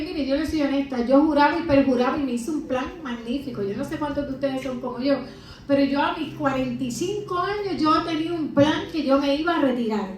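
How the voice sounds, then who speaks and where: A woman's voice: sits high, slight background noise. A middle-aged woman gives an emphatic personal testimony to a congregation and keeps asking the audience rhetorical questions. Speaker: church speaker and mother giving testimony. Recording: very echoey hall, mic far off.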